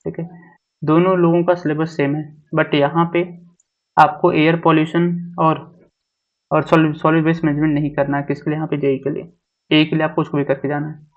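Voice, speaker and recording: A man's voice: fairly high pitch, level tone, brisk, phone-quality sound. A male exam coaching teacher walks through a syllabus, repeating each point and mixing English technical terms into his talk. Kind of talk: syllabus walkthrough lecture.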